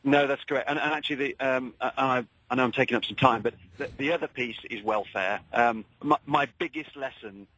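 A man with an English accent calling a radio show, earnest and polite, speaking in hesitant, halting phrases. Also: mid-range voice, a bit bright, slightly rough, dry recording, poor audio. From England.

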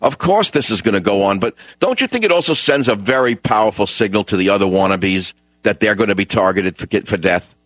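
An older man hosts a talk radio show, opinionated and emphatic, repeating himself and often restarting his sentences. His voice is on the low side, expressive and fairly bright, and he talks a little fast. He uses a studio microphone, and the broadcast sound is dull and dry with no room sound.

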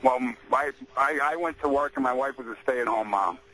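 A man's voice: mid-range voice, moderate pace. A middle-aged man calling in to a radio show over a noisy line, casually giving his opinion. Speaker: radio call-in caller.

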